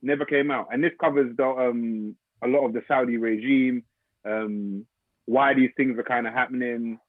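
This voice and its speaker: A man's voice: medium pitch, fairly even intonation, normal speed, no room sound. A London man co-hosting a casual podcast. He talks in slang and repeats words for emphasis. The sound is very dry and narrow, like a phone line. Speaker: podcast co-host. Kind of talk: casual chat.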